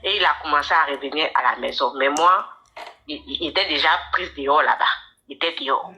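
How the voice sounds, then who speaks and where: A woman's voice: deep voice, brisk, pushed and bright, slight background noise. A woman caller telling her own story to a coach, hesitant, often repeating words and restarting. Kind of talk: casual storytelling chat.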